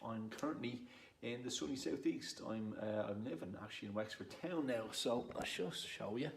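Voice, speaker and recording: Speaking at a moderate pace in a mid-range voice, a Dublin man with the local accent introduces himself to camera as a poet and performer. The chat is casual, rambling and self-deprecating. There's a roomy echo and clearly audible background noise.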